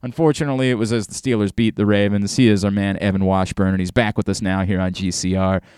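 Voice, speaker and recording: A man's voice: lowish voice, fairly even intonation, quick pace, a little mellow, smooth, no echo, clean studio sound. A man hosting sports radio in a casual, rambling way, repeating words as he thinks aloud. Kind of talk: casual, conversational sports talk. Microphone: close studio microphone.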